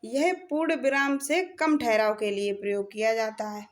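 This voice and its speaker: High-voiced woman teaching grammar. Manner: slow, repeats points, says "theek hai" often. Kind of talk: explaining a grammar lesson.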